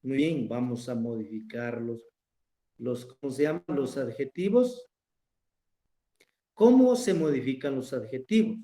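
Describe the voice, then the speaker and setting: A man's voice: medium pitch, animated, a little slow, long pauses, mellow, roomy sound. A man teaching a language class, explaining step by step, repeating himself and checking that his students follow. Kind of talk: recorded online class lecture.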